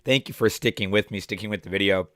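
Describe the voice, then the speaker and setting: A man in his thirties, hoarse from the flu, hosting a chatty sports betting podcast and clearing his throat often. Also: on the low side, fast talker, a bit bright, dry recording, clean studio sound. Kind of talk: casual betting picks talk.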